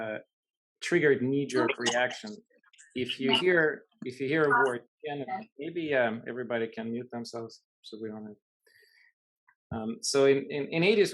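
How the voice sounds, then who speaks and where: A man's voice: mid-range voice, a bit bright, rough recording. A middle-aged man with a Russian accent and Russian as his first language, speaking as a physician on a panel in a loose, conversational way with many fillers. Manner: conversational, frequent fillers and restarts. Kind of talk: unscripted expert talk.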